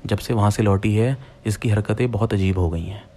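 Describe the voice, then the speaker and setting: A young man narrates a true-style horror story in the first person, addressing listeners like friends in a plain retelling voice. His voice is on the low side and dark, fairly even in intonation, a little fast, with slight background noise.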